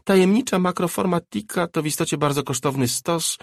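A man narrating a novel in a measured, low-key reading. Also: creaky, no room sound, studio quality. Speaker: audiobook narrator. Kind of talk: scripted narration.

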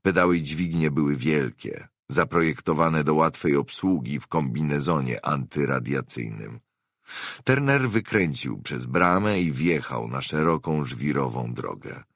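A man reading an audiobook in a measured, expressive storytelling manner. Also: a bass voice, no echo, clean studio sound. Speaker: audiobook narrator. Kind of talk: scripted narration.

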